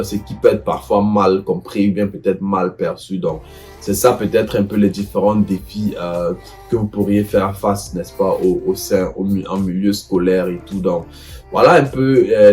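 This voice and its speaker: Brief: young man, lowish voice, halting advice vlog, faint guitar underneath. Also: darkish tone. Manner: hesitant, many fillers and restarts. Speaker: vlogger giving advice to students. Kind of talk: casual advice talk.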